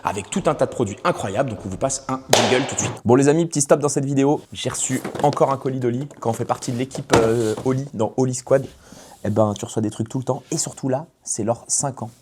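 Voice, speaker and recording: A man casually presenting his car and sponsors in a loose, excited vlog, full of fillers and slang. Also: medium pitch, quick pace, big-room sound, heavy background noise.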